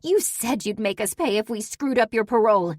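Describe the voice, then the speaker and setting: A woman's voice: extremely high pitch, very animated, normal speed, darkish tone, dry recording, clean studio sound, pitched above the performer's own voice. A woman voicing a hysterical, grieving young woman who shrieks and sobs accusations in an audiobook. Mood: accusing. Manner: shrieking, sobbing.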